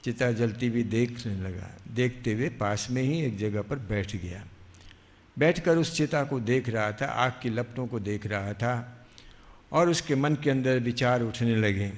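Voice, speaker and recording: A man, a monk, telling a devotional story in a slow, explanatory way, stretching his words. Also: medium pitch. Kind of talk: devotional storytelling with sung verses. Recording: long hall reverb, faint music behind.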